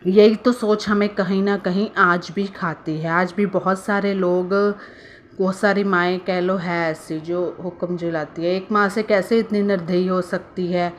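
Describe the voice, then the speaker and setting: A woman's voice: fairly low pitch, steady tone, a little slow, a little hiss or hum. A woman telling a family story in a casual, chatty way and adding her own opinionated moral commentary, with hesitant fillers.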